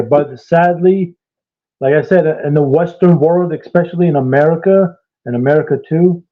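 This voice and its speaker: A man from Iraq calling in to a livestream debate, talking hesitantly with restarts. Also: a little high. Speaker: caller. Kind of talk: casual call-in debate. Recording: tinny phone-like call line.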